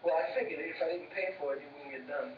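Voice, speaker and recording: An actor playing a vain, cocky brother with money and a Brooklyn accent who hesitates with fillers, in film dialogue. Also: male voice, fairly high pitch, fast talker, muffled recording, background noise, lightly acted. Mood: smug.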